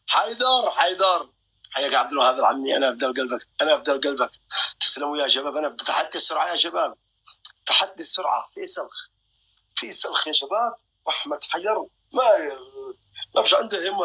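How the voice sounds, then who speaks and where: A man's voice: a little high, animated, fast, bright, forceful tone, breathy edge, lo-fi sound. A young man hosting a live stream. He jokes, boasts and keeps calling out to his viewers.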